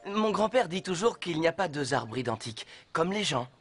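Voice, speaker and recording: A man voicing a shy, gentle teenage boy in a cartoon dub, hesitant and soft-spoken. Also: on the high side, big pitch swings, normal speed, faint music behind.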